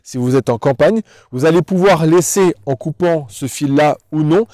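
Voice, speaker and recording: A dog trainer presents a tutorial, speaking directly to the viewer in a didactic, instructional style. His voice is on the high side with a darkish tone and moderate pace, recorded clean in a studio with no room sound.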